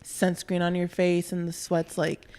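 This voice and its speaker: A woman's voice: on the low side, completely flat delivery, measured pace, a little mellow, smooth. A young woman co-hosting a podcast in casual chat, laughing often and telling rambling stories. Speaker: podcast co-host.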